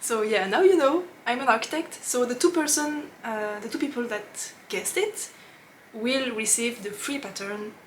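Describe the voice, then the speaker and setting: A woman with a French accent, a knitting podcast host chatting casually, laughing often and pausing with fillers as she searches for English words. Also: a little high, a little hiss or hum. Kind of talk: casual chat to camera.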